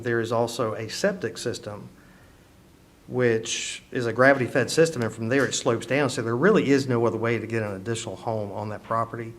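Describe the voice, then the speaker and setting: A man speaks at a public hearing as a contractor making his case. His pitch sits in the middle, and he explains matters step by step in plain words. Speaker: general manager and contractor speaking as applicant. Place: public meeting room.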